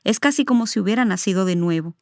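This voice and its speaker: A woman's voice: medium pitch, expressive, fast, darkish tone, no echo, clean studio sound. A middle-aged woman, a guest on the show, telling a personal testimony in an earnest, reflective way. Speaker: interview guest.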